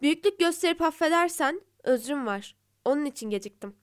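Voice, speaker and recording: A woman's voice: high-pitched, animated, fairly quick, no echo, studio quality, voice pushed up. A woman voicing a small, clever, brave hare in a storybook fable. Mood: pleading. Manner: pleading, cunning.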